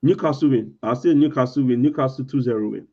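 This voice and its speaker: Tinny, bassless man chatting football. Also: fast talker. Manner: hesitant, lots of fillers and restarts. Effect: tinny voice with no bass. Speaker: podcast host. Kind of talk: casual football chat. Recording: thin lo-fi audio lacking bass.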